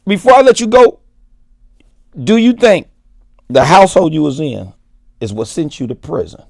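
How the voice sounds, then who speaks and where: A man hosting a podcast, asking long interview questions with animated, stammering repetitions. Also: a little high, moderate pace, vocal fry. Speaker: podcast host.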